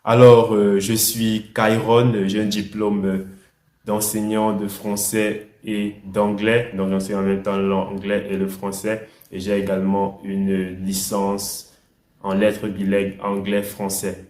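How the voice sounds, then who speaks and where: A young man gives a slow, patient language lesson in a low, fairly flat voice. He repeats each word so learners can say it back. The recording has a noticeable room echo. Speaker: English and French teacher. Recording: echoey room.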